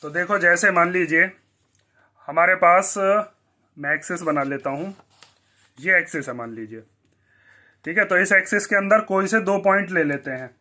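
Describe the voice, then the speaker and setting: Male maths teacher, high voice, bright tone, asks and answers his own questions. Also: normal speed, pauses often. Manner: asks the class questions and answers them himself. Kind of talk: blackboard maths lesson.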